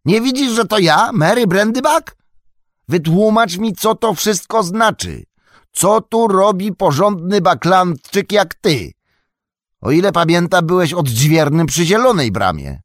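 A man's voice: high voice, sing-song, unhurried, no echo, clean studio sound, pitched above the performer's own voice. A man voicing a bold, impatient young male hobbit in an audiobook, calling out in a commanding way. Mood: defiant. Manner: commanding, loud calls.

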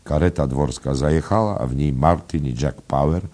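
A man reading a literary novel aloud as an audiobook narrator, measured and steady. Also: rumbling low.

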